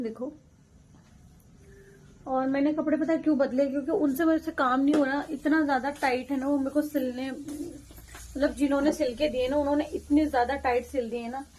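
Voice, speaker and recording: A woman's voice: sits high, mellow. A woman, a mother, casually narrating a family vlog and talking straight to viewers while she cooks. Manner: chatty, talks straight to viewers while cooking.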